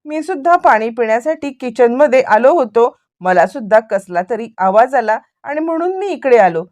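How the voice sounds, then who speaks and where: A shifty man making a casual excuse to cover his tracks, read out by a woman storyteller. The voice stays high and close to her own. The offhand, evasive tone does the work. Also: expressive, moderate pace, darkish tone, natural voice.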